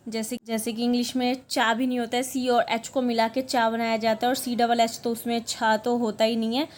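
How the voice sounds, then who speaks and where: A young woman walks through a lesson at her own patient pace, repeating points and checking in with listeners. Her voice sits slightly high. A faint hiss runs under the recording. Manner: patient, repeats points, often asks "okay?". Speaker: language teacher. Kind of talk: explaining lesson.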